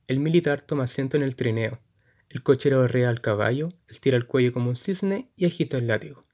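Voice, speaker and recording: A man narrating a short story in a measured, descriptive reading. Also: medium pitch, a little mellow.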